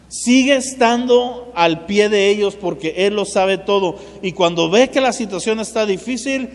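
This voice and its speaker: A man preaching a sermon as pastor, talking straight to his congregation and mixing in playful asides. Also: high voice. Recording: long reverb of a large hall.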